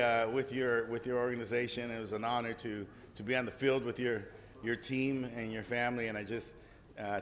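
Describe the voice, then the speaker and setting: A man's voice: medium pitch, a bit bright. A mature man giving an informal ceremonial speech as a council member, folksy and building on repeated phrases. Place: large council chamber. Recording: echoing hall with background noise.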